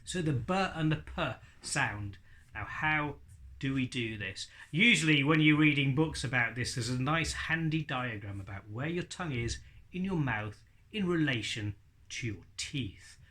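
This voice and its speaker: A man's voice: medium pitch, animated, unhurried, pushed and bright. A middle-aged man giving an informal, chatty ventriloquism lesson with jokey asides. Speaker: ventriloquism teacher. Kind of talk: informal instructional video talk.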